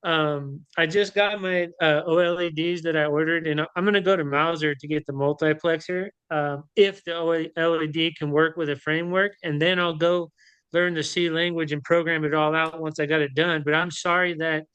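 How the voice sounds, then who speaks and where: A man's voice: a little high, steady tone, normal speed, a bit bright, smooth, no room sound, highs cut off. Stammering man, rambling on a call. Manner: rambling, stammering, repeats words. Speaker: meetup participant. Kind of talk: casual chat on a group call.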